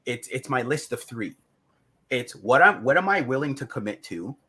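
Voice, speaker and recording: A man hosts a relationship talk show in a bright, forward voice with a husky edge. He talks things through in a reflective way and leans on hypothetical examples. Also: medium pitch, sing-song, normal speed. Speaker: podcast host. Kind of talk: casual conversation.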